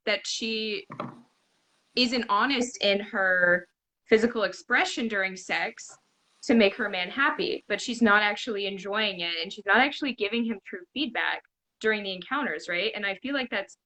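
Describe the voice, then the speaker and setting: A woman's voice: medium pitch, moderate pace, low-quality recording. A woman bodyworker, a guest in a conversational interview, speaking earnestly and with emphasis. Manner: earnest, emphatic, animated when retelling.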